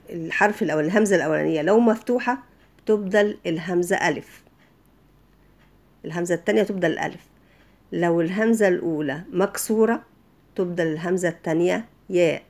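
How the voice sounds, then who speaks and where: A woman's voice: lowish voice, a little mellow. A woman with an Egyptian accent teaching a casual tajweed lesson, explaining rules step by step with many fillers and restarts. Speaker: Quran recitation teacher.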